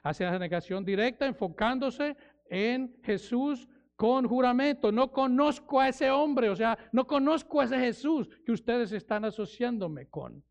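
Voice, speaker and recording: High-voiced gravelly male preacher. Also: animated. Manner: dramatic, acts out quoted voices, slows for emphasis. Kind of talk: expository sermon. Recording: dull lo-fi recording.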